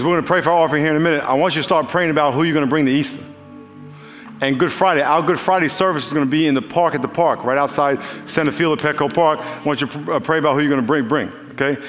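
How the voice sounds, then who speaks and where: A middle-aged man, a pastor, leading an altar call and preaching earnestly from a large church stage. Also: mid-range voice. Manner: warm repetitive blessings, earnest and urgent. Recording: long hall reverb, faint band music. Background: soft band music.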